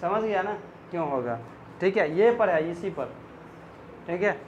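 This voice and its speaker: A man's voice: high voice, expressive, unhurried, muffled recording, a little hiss or hum. A man teaching a maths class, explaining step by step and often quizzing his students.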